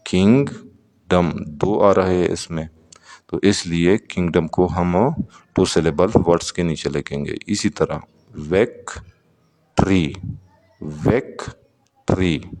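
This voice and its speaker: In a classroom explaining English vocabulary, a man from Pakistan works through words one at a time, slowly repeating them and questioning his students. His voice sits low with a darkish tone, and the sound is that of a big room.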